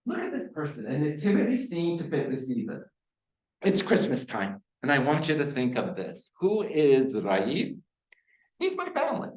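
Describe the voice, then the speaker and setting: Male lecturer from Iraq, lively rhetorical delivery, roomy hall sound. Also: on the high side, normal speed. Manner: animated, rhetorical questions to audience. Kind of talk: university lecture.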